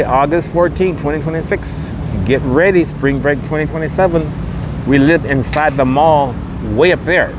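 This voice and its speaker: Strolling along a crowded outdoor mall street, a man with a slightly high voice narrates a walking podcast as a vlog host. His patter is promotional, repetitive, and full of catchphrases. Filmed on a handheld phone camera, the audio picks up wind, traffic, and general street sounds.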